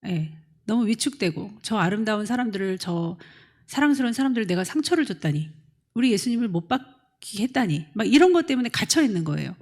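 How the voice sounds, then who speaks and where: A middle-aged woman pastor with a brisk, medium-pitched voice delivers a lively sermon to a young adult congregation. She is animated, acting out quotes and calling on listeners by name with questions.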